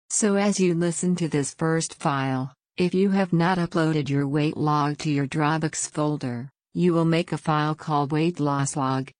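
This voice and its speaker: A woman's voice: low voice, a little mellow, no room sound, clean studio sound. A woman giving scripted instructions straight to the listener in a strict, commanding, condescending manner. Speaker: dominant trainer in audio recording. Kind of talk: scripted direct-address narration.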